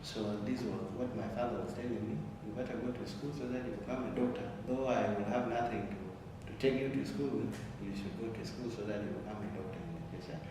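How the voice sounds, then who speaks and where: Earnest man recorded from afar in echo. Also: fairly low pitch. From South Sudan. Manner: earnest, deliberate, repeats words when searching. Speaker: interviewee. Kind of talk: interview, personal story. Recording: echoey room from far off, background noise.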